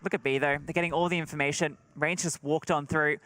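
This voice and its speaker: Man, esports caster, high voice, clipped play-by-play phrases, game sounds clearly behind him. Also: fairly even intonation, quick pace, noisy background. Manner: clipped present-tense running phrases.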